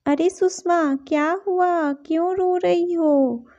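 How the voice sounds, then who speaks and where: A woman voicing a calm elder sister figure in a doll story, scolding and reassuring. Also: extremely high pitch, slow, lo-fi sound, exaggerated voice.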